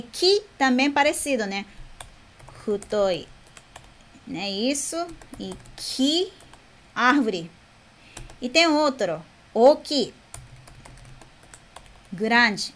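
A woman with a fairly high voice gives a kanji lesson at an unhurried pace. She says each word slowly, often twice, and checks in with the listener after every point. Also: a bit bright. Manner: repeats words slowly, tags with "né?" and "ok?". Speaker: Japanese teacher.

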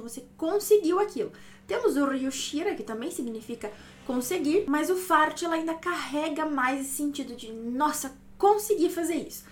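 A woman's voice: high voice, fairly bright tone. A woman teaching Italian grammar, explaining step by step and checking in often with the listener. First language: Portuguese. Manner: explanatory, checks in with frequent "ok?" and "não é?".

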